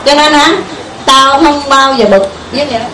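A woman's high voice, steady in tone and at a normal speed, delivers an informal Buddhist meditation talk to a group. She has a Southern Vietnamese accent and keeps things conversational, often asking listeners questions. The recording suffers from an echoey room, a far-off mic, and faint hiss.

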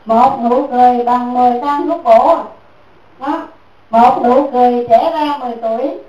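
A woman's voice: on the high side, moderate pace, warm tone, dull audio. A woman giving a Buddhist dharma talk as a teacher, repeating her points and asking listeners "right?" again and again. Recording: echoey room, mic far off.

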